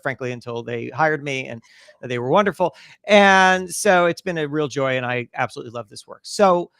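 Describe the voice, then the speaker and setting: A man appearing as an interview guest tells stories in a conversational way, animatedly acting out snippets of dialogue. His mid-range voice is clean, captured in a studio with no room sound.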